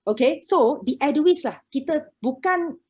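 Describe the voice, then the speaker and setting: A woman's voice: high voice, lively intonation, a little slow, darkish tone. A woman with a Malaysian accent giving an informal conference talk as a preschool educator, mixing Malay with English and punctuating her points with short checking words. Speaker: guest speaker, preschool educator.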